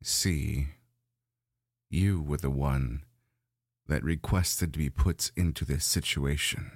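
A man doing a deep gravelly dragon. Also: fairly even intonation, no echo, clean studio sound, heavily acted. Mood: domineering. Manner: commanding, slow and gloating. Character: domineering, lustful male dragon. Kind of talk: adult audio roleplay.

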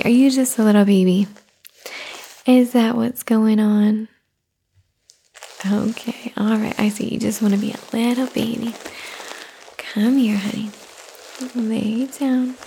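A woman in an ASMR caretaker roleplay, speaking softly and soothingly, often in a whisper, close to the microphone. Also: mid-range voice, sing-song, unhurried, vocal fry, pauses often, slight background noise.

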